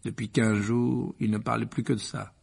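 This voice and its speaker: A man narrating a children's novel aloud, expressive, often dropping to a hush at the ends of phrases. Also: mid-range voice, normal speed, creaky. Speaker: audiobook narrator. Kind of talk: scripted narration.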